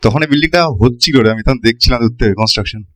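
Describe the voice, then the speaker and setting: A man's voice: mid-range voice, very fast, a bit bright, dry recording. A man doing casual, exclamatory vlog chat full of questions, speaking from inside a motorcycle helmet. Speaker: motovlogger. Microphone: helmet-mounted camera, worn inside a helmet.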